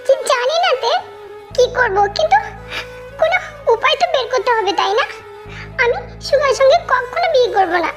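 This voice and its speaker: Very high, swooping voice of a tearful young woman stammering in a fan audio drama, as one narrator puts her on. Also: lively intonation, normal speed, a bit bright, faint music behind. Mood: distraught. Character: young woman in tears over a forced marriage.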